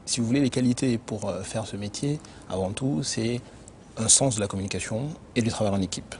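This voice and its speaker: A man who grew up in Benin, an internal auditor answering interview questions in a measured, explanatory way with frequent hesitations. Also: fairly low pitch, a little mellow, slight background noise. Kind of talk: corporate career interview.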